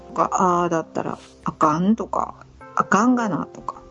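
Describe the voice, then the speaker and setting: A woman's voice: fairly low pitch, normal speed, a bit bright, highs cut off, faint music behind. A woman from northern Osaka with a light Hokusetsu Kansai accent, co-hosting a casual podcast chat and politely agreeing often. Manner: polite, agreeable, frequent backchannels. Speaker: podcast co-host.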